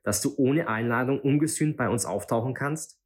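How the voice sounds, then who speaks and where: A man reading an audiobook voices a cold, menacing woman who leads a band of thieves, speaking with sharp contempt. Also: mid-range voice, moderate pace, slightly rough, pitched above the performer's own voice, lightly acted. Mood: cold scorn. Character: cold, menacing female thief leader.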